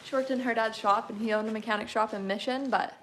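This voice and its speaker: A woman's voice: a little high, fairly even intonation, fast talker, a bit bright, a little hiss or hum. A woman in her twenties, a car restoration creator answering livestream chat in a chatty, easygoing way with frequent laughs. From Canada. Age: 20s. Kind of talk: casual livestream Q&A reading chat.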